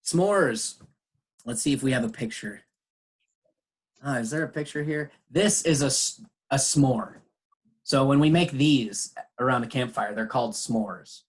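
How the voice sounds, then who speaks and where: Man, husky voice, patient, teaching English, video call. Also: medium pitch, moderate pace. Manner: patient, explains words with examples. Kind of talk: online English lesson.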